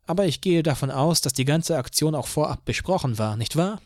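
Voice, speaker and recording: A man voicing a calm, smug male police officer in an audiobook, lecturing in a measured way. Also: on the high side, no room sound, clean studio sound, pitched above the performer's own voice, close to an everyday voice.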